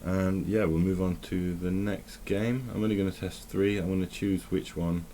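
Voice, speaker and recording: A man's voice: low voice, steady tone, moderate pace, mellow, slight background noise. A man giving casual, rambling commentary while playing a game, often correcting himself and thinking aloud. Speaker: tech vlogger.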